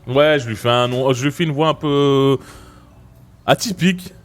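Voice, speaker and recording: A man's voice: medium pitch, normal speed, faint music behind. A man with a Marseille accent giving casual, joking commentary as a streamer playing a game. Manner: joking, laughs often.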